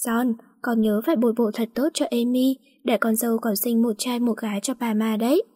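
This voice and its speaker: Brief: a fussing mother-in-law in a storybook, soft and breathy, voiced by a woman. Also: fairly high pitch, level tone, brisk, dry recording, studio quality. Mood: caring. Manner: caring reminders. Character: caring, demanding mother-in-law.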